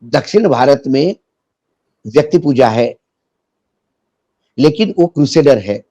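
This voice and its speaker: A man's voice: mid-range voice, animated, slow pace, warm tone, no echo. A man discussing politics as a guest, biting and sarcastic, mixing in jokes and anecdotes.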